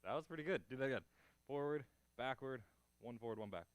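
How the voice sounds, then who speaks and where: Male martial arts instructor, mid-pitched voice, dry close sound. Clipped counts and cues, encouraging corrections, hands-on class delivery. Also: animated, fast, clean tone, dry recording. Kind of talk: hands-on karate class instruction, demonstrating moves aloud.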